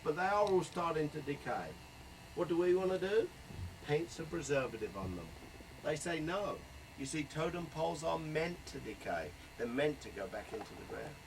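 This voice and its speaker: A man's voice: a little high, expressive, moderate pace. A man giving a joking, playful running commentary as a tour guide on a moving bus. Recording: distant voice with road noise.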